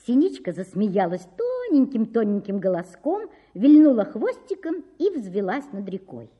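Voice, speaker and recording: A woman reading a children's fairy tale aloud in an expressive storytelling manner. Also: a little high, moderate pace, husky.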